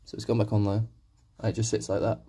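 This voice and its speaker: Talking fast in a low, level, dark voice roughened by a sore throat, a young man rambles to his viewers during a painting live stream. His gravelly, husky chatter pokes fun at himself, with slight background noise audible.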